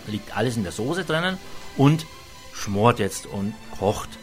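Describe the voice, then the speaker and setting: A restaurant chef from Franconia, Germany, chats through a cooking demonstration in a Franconian German accent, homely and rambling with many hesitations. His medium-pitched voice is expressive and a little slow. Soft music plays in the background.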